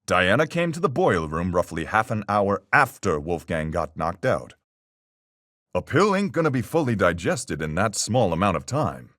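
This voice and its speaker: With no room sound at all, a deep, husky-voiced sailor character methodically reasons out a murder in a video game. His folksy nautical speech is measured and explanatory, his pitch roaming widely in a full character performance.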